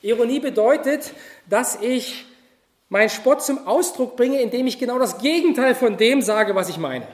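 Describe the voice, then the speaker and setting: A high-pitched man preaches in a roomy, echoing space. He speaks animatedly, swinging between loud emphasis and quiet asides. He keeps turning to his listeners with direct questions. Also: lively intonation, normal speed. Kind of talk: sermon at a youth Easter retreat.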